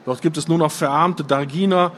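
A man's voice: fairly high pitch, animated, normal speed, a bit bright, a little hiss or hum. A man voicing a scheming, mocking middle-aged Russian army veteran with a sneering, giggly manner. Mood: scornful.

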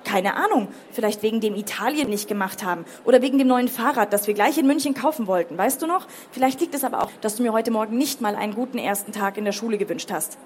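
A woman's voice: mid-range voice, fast talker, hardly any pauses, a little hiss or hum, close to an everyday voice. Biting, hurt teen girl voiced by a woman, storybook reading. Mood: defiant. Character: defiant hurt seventeen-year-old girl.

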